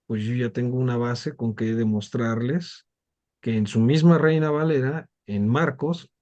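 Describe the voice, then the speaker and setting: Mellow-voiced man, an earnest student. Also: mid-range voice, a little slow, highs cut off. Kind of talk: casual classroom reply.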